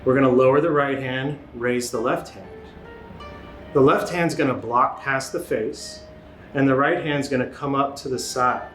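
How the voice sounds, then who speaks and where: A man teaching tai chi step by step in a calm, unhurried, reassuring manner. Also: medium pitch. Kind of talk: step-by-step guided movement instruction. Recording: roomy echo, guitar music behind.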